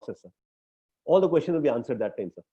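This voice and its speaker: A man's voice: a little high, very animated, very fast, dark tone. A man with an Indian English accent coaching his team in an emphatic way, often ending with tag questions. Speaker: business coach. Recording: dull lo-fi recording.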